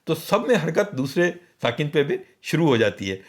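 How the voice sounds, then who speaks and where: A man's voice: a little high, big pitch swings. A man teaching the meters of poetry in a radio conversation, patiently counting sounds aloud and checking that his listener follows.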